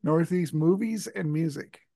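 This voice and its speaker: Joking podcast co-host, dry close sound. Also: male voice, on the high side, unhurried, creaky, dark tone, no room sound. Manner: joking, rambling, laughs often. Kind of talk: casual chat.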